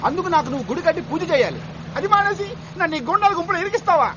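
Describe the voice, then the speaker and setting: Shrill, fast-talking scolding voice. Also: expressive. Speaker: film character. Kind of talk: comedic film dialogue. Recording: dull film soundtrack with noise.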